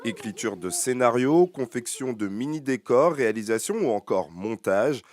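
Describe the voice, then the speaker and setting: A man presenting and narrating local television news reports in a measured, scripted way. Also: mid-range voice, animated, darkish tone.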